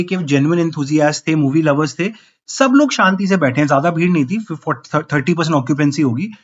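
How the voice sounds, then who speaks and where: A high-pitched man rants his way through a casual film review, sounding fed up and slipping English phrases into his sentences. The sound is dull and lo-fi. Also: a bit bright. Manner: frustrated, ranting, mixes English phrases in.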